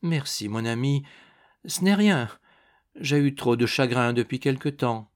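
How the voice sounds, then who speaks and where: A man voicing an agitated aristocratic countess, a middle-aged woman who speaks in a pleading, hurried, breathless way. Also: medium pitch, lively intonation, natural voice. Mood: weary.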